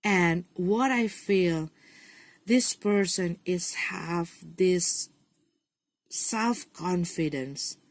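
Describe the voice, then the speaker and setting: A woman's voice: on the low side, very slow, no echo. A woman giving a casual tarot reading to her viewers, encouraging, repeating phrases and often saying "you know". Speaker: tarot card reader.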